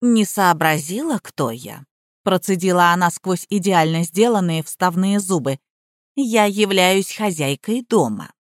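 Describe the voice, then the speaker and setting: A woman's voice: fairly low pitch, lively intonation, unhurried, dry recording, studio quality. A woman voicing an elderly, domineering mother-in-law who speaks in a cloyingly sweet, commanding way. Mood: haughty.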